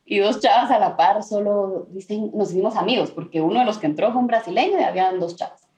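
Guatemalan woman, animated storyteller. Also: mid-range voice, fast talker. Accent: Guatemalan Spanish. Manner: animated, mixes in English words. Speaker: guest singer-songwriter. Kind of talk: casual storytelling interview. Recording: roomy echo.

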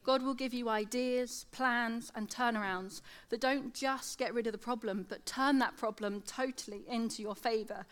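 A woman's voice: fairly high pitch, steady tone, moderate pace, hardly any pauses. Woman with a slushy lateral lisp. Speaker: secondary school teacher giving a devotional talk. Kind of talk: sermon, devotional talk with scripture reading.

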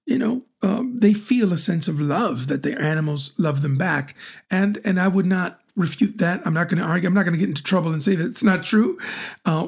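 A man in his forties co-hosting a relationship podcast, talking in an animated, teasing way and often repeating his words as he starts a thought. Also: a little high, creaky, breathy edge. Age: 40s. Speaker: podcast co-host. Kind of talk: casual chat.

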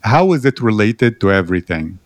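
A male host poses long, rambling questions to his guest. His voice is fairly low and the recording is dry, with no room sound. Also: sing-song, fairly quick, no echo. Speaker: podcast host. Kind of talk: interview questions.

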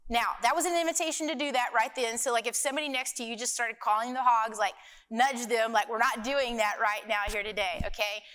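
Middle aged lady w arkansas accent, clear smooth voice, chatty conference speaker, big echoey hall. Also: on the high side, steady tone, brisk, fairly bright tone. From Arkansas, United States. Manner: chatty, folksy, frequent rhetorical asides. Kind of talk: informal talk to an audience. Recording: long hall reverb from live event.

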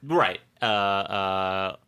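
A man guests on a casual podcast, stammering and hiccuping as he talks. His voice is lowish but sharp and bright. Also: fairly even intonation, takes it slowly, clean tone. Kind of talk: casual chat.

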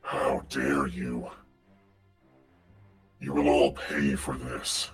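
A man voicing a menacing male villain whose booming voice sounds inside the heroes' heads like a magical echo. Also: little pitch movement, soft background music, full character voice. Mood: threatening. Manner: slow, threatening. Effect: booming echoing voice heard inside the head.

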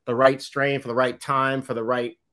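A man's voice: medium pitch, level tone, normal speed, fairly bright tone. A man from Boston with a Boston accent, a podcast guest in casual conversation, talking loosely and correcting himself. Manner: loose, rambling, self-correcting.

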